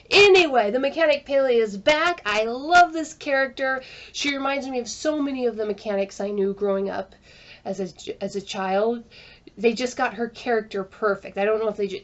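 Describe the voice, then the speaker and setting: A woman's voice: fairly high pitch, lo-fi sound. Woman giving an enthusiastic episode review. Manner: enthusiastic, searches for words aloud. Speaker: video essayist reviewing a TV episode. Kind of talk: scripted commentary with asides.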